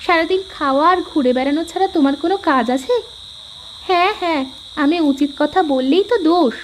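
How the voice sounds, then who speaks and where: A woman voicing a sharp-tongued young village wife who scolds her lazy husband. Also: high-pitched, fast talker, a little hiss or hum, natural voice. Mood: scolding. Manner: nagging, scolding. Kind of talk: cartoon voice acting.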